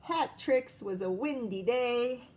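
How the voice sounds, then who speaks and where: A woman teacher reads a picture book aloud to children, expressive in her delivery and often pausing to prompt her young listeners with questions. Her voice is on the high side.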